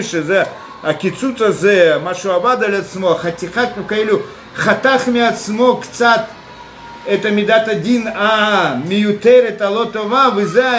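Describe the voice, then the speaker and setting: A man teaching a Torah class, pausing often with fillers and rhetorical questions. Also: high voice, fairly bright tone. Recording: echoey room with faint background noise.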